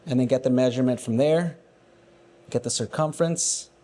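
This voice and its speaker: A man's voice: medium pitch, moderate pace, dark tone. A man in his forties vlogging casually to camera in a gym, hyping himself up and joking at his own expense. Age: 40s. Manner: upbeat, self-mocking hype talk. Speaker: fitness vlogger. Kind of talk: casual vlog talk to camera.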